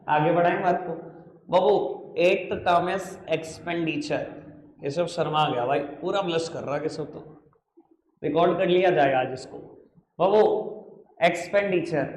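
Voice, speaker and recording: High pitched guy teaching accounts, teasing and coaxing his students, echoey classroom, bit of background hum. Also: a little mellow. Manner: playful, coaxing, calls students affectionate nicknames. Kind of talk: classroom lecture. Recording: echoey room with faint noise.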